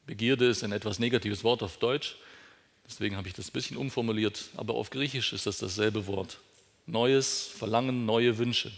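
A man's voice: fairly low pitch, moderate pace, gravelly. A man preaching a sermon, asking questions and answering them himself, pushing key words up with emphasis. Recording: long hall reverb.

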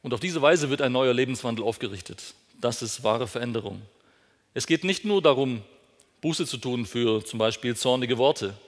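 A man of middle pitch delivering a sermon, asking questions aloud and answering them himself. He leans hard on important words, lifting his voice to drive each point home. His voice carries a long reverb, as if recorded in a large hall. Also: normal speed. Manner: emphatic, rises sharply on key words. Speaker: preacher.

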